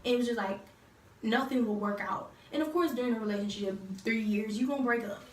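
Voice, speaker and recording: An eighteen-year-old woman with a slightly high, fast voice tells viewers her love story as a vlogger recounting a couple's tale. She's chatty, full of fillers, and acts out what other people said. The recording has a roomy echo, a distant mic, and faint noise.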